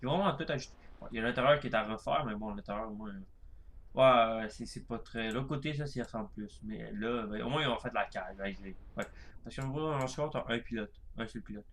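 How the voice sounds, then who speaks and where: A man's voice: mid-range voice, a little fast, fairly bright tone. A man giving casual gameplay commentary, rambling with lots of fillers and crude swearing. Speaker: gaming youtuber.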